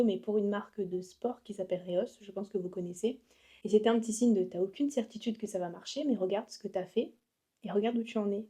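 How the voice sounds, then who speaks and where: A young woman chats to her camera in a relaxed vlog. Her voice sits in an ordinary middle pitch for a woman. She rambles cheerfully, trailing off and restarting with easy, upbeat energy. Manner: chatty and upbeat, many fillers, laughs at herself. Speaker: vlogger and graphic designer. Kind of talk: casual vlog chat.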